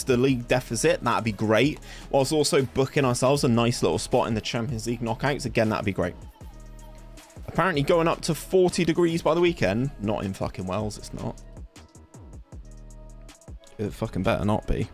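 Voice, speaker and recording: A young man from England with a West Country accent, streaming casually as he plays a game, chatting and reacting aloud to his chat. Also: mid-range voice. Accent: West Country English. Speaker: gaming streamer. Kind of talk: casual live-stream commentary. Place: home room in summer heat, fan running.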